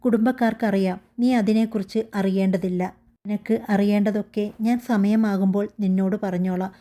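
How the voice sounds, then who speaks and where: A woman's voice: mid-range voice, fairly even intonation, fairly quick, mellow, natural voice. A woman voicing a stern, haughty older mother-in-law who talks in a dismissive, mocking way.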